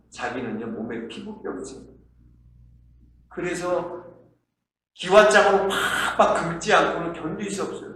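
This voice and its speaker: Korean man preaching in an echoey church. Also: high-pitched. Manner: emphatic preaching, rhetorical questions, swings from hushed to loud. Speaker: pastor. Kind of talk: sermon. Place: church sanctuary. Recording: very echoey church sanctuary with faint hiss.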